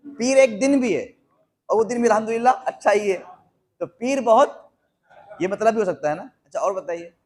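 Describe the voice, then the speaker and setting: A man preaching to a seated audience, asking them questions and repeating phrases slowly for emphasis. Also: high-pitched, darkish tone. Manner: slows down to spell out quoted phrases. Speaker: Islamic preacher. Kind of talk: live sermon to a seated audience.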